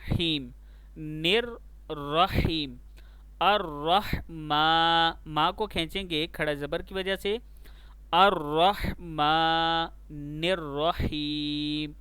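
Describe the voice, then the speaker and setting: A man teaching Quran recitation in a slow, spelled-out lesson. He spells out each letter and vowel mark, then recites the whole word, drawing out the long vowels. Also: on the high side, bright, forceful tone, clear, resonant tone, no echo.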